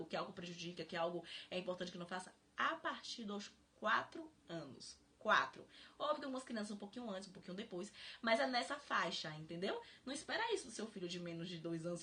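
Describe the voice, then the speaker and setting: A woman hosting a live-stream book club, explaining in an animated way and laughing often. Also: mid-range voice. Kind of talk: casual live-stream talk.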